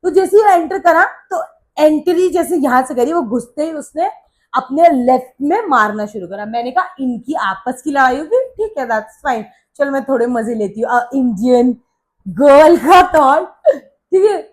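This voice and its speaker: A young woman vlogger telling a story in a casual, animated way, mixing Hindi with English phrases. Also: high voice, a little slow.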